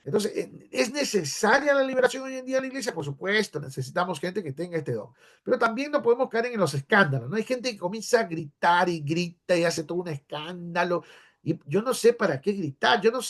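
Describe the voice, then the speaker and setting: A man from Peru with a Peruvian accent, a pastor giving a teaching class in a conversational way, often checking in with his listeners. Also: high voice. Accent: Peruvian Spanish. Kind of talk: sermon-style teaching class.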